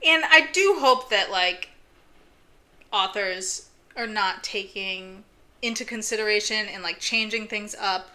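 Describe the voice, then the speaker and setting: A woman's voice: mid-range voice, unhurried, bright, forceful tone. A woman co-hosting a podcast in casual chat, eagerly building on her partner's points with questions. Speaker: podcast co-host.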